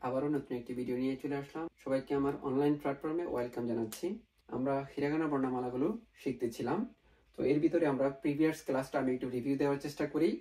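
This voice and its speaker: Mellow-voiced man teaching from a distance. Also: medium pitch. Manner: patient, step-by-step, repeats each sound; mixes English words into explanations. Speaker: Japanese language teacher. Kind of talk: online language lesson.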